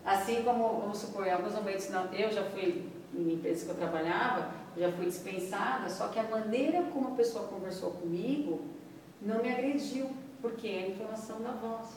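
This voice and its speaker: A woman's voice: medium pitch, brisk, darkish tone, a little hiss or hum. A woman teaching a classroom lesson in a conversational way, often checking in with her listeners. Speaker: instructor. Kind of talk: classroom lecture. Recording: echoey room, far from mic.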